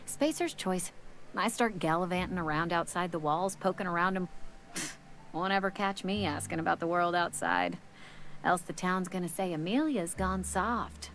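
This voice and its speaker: A woman's voice: lowish voice, moderate pace, fairly bright tone, slight background noise. An actress voicing a brusque, wary woman bartender from a company frontier town in a video game, with a sassy, curt and dismissive manner. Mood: sardonic, guarded. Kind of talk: video game character dialogue.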